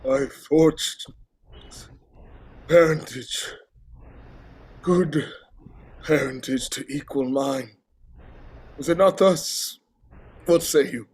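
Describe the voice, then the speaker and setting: Husky, theatrical, grief-worn king. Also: fairly high pitch, full character voice. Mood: dazed, searching. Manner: theatrical, declamatory, halting, swinging from hushed to outcry. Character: grief-worn, long-suffering king, anguished, hoping and doubting. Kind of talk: classical verse stage acting.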